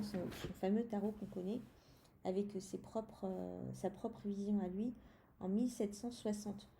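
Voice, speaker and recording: Gravelly-voiced woman reviewing a tarot deck. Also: mid-range voice, warm tone, slight background noise. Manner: hesitant, many fillers and restarts; speaks directly to the viewer. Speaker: tarot reader presenting a deck. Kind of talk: casual spoken deck review.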